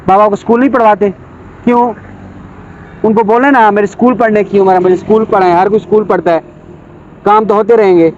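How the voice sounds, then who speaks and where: High-voiced, gentle man coaxing. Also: lo-fi sound, slight background noise. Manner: gentle, coaxing, repeats his questions. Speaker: passerby filming. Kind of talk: casual street talk.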